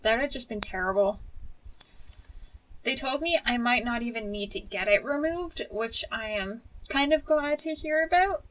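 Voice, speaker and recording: A woman's voice: fairly high pitch, moderate pace, distant mic, a little hiss or hum, rough recording. A woman telling a personal story as a video creator in a casual vlog style, candid and informal with a mildly wry touch.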